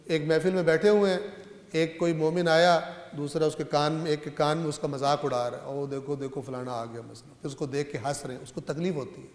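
High-voiced preacher in an echoing hall. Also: male voice, fairly even intonation. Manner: swings between loud, rising recitation and quiet, low asides; often checks with the listeners. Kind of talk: sermon explaining scripture. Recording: echoey hall with long reverb.

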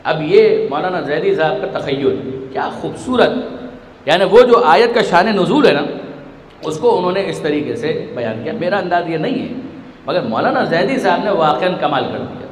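A man's voice: fairly high pitch, sing-song. A man giving a sermon that tells a story dramatically, acting out the voices of the figures he quotes. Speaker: religious orator. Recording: echoey hall with faint ambience.

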